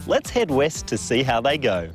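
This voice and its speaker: A man's voice: mid-range voice, wildly swooping pitch, moderate pace, soft background music. A male TV presenter delivering links and asking passers-by questions, with an upbeat presenter's delivery. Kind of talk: presenter links and street vox pops.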